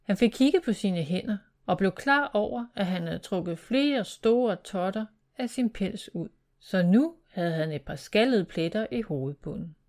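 Calm woman reading a storybook. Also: medium pitch, few pauses. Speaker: narrator.

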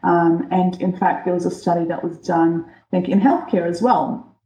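Interview guest: woman, mellow tone, measured explainer, echoey room. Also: on the low side, fairly even intonation, muffled recording. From born in Egypt, raised in New Zealand and Australia. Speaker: guest, change expert. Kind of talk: casual interview. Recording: roomy echo.

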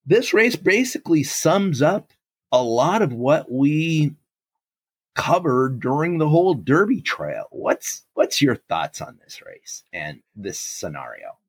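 A man co-hosts a casual podcast with a gravelly, raspy voice, as if his throat is strained. He takes his time, pausing between short phrases. The sound is dry, with very little room on it. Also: on the high side, very animated, no echo. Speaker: podcast co-host.

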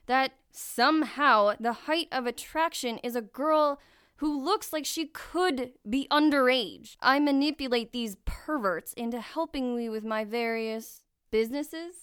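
A woman's voice: high voice, a bit bright, smooth. An actress playing a grown woman crook who poses as a little girl, with a hard-boiled, sneering manner.

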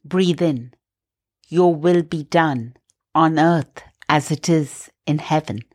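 Slow, low-voiced woman guiding prayer. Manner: slow, soft, calm guiding. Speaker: meditation host. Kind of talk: guided prayer meditation.

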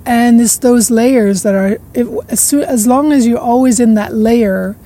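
Slow, musing woman. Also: on the high side. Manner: slow, musing, with soft laughs and trailing repetitions. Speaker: podcast host. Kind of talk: reflective spiritual monologue.

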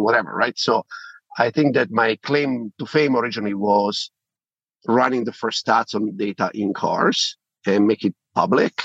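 A middle-aged Italian man, a company founder appearing as a podcast guest, talks animatedly in an interview, often repeating words as he restarts. His accented voice is fairly low yet fairly bright, with a breathy edge, and the audio is dull with no room sound.

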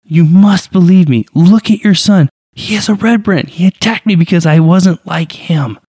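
A man's voice: high-pitched, moderate pace, a little mellow, husky, no echo, clean studio sound, voice pushed up. A man voicing a panicked young male warrior who stammers and pleads his innocence. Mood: pleading.

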